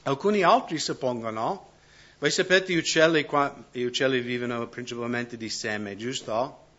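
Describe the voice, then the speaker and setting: A man preaching a conversational sermon who keeps checking in with the congregation with quick tag questions. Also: mid-range voice, fairly bright tone, dull audio. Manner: keeps asking the congregation "no?" and "giusto?".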